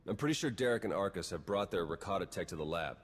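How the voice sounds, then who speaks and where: Fast and expressive, this deep male voice has a breathy edge as an actor voices a cynical, wry intelligence agent in a video game cutscene, keeping it dry and understated. The mood is a determined briefing, captured with long hall reverb and noisy ambience behind him.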